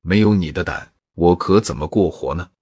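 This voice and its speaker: A greedy, spoiled young man from a folk tale talks back, voiced by a male storyteller. The voice is low and husky. It sits close and dry on the mic. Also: normal speed, a little mellow, no room sound. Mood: brash. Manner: plain storyteller's voice with little change.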